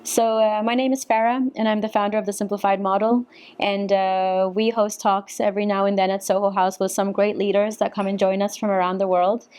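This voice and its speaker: A woman's voice: mid-range voice, little pitch movement, brisk, smooth. A woman hosting a talk event, introducing her guest with hesitant uhs and ums. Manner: warm, hesitant, uh and um fillers. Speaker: host.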